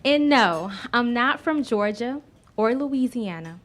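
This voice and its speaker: A woman's voice: a little high, expressive, takes it slowly, fairly bright tone, a little hiss or hum. A woman from Miami with a thick Southern US accent, giving a personal storytelling speech as a guest author, addressing the audience directly. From Miami, Florida.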